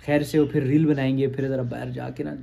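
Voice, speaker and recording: A man's voice: medium pitch, level tone, fairly quick, gravelly, warm tone, lo-fi sound. A young man vlogging casually, teasing friends and family and laughing often. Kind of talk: casual vlog chat.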